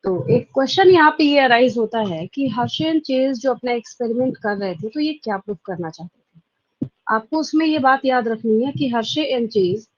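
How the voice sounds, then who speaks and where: A woman's voice: on the high side, lively intonation, moderate pace, dry recording, muffled recording. Indian woman teaching biology, quizzing herself. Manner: asks questions and answers them herself, repeats key points. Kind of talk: exam-prep lecture.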